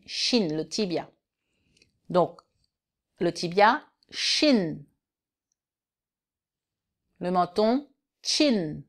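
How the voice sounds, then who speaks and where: A woman teaching English vowel sounds in a patient online lesson, repeating each word slowly and clearly for learners. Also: medium pitch.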